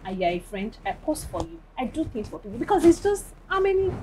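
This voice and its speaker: A woman with a Nigerian accent, speaking as a guest on a casual talk show. Her voice is a little higher than average and leaps around expressively. She stresses her points with energy, repeating phrases for emphasis. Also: fast, a little hiss or hum, poor audio. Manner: emphatic, lively storytelling. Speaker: actress and guest. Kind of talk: casual chat.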